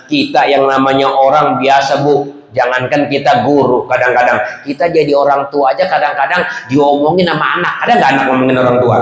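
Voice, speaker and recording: Dramatic preacher in echoing hall. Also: male voice, fairly bright tone. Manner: dramatic storytelling, big swings in pitch. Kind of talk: sermon. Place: prayer gathering hall. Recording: echoey hall with long reverb.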